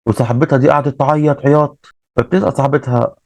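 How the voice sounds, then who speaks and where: A man's voice: mid-range voice, fairly even intonation, fast talker, gravelly, darkish tone, no echo. A man with an Egyptian Arabic accent telling a religious story in a casual way, repeating himself and restarting often. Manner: retells events with many repeats and restarts.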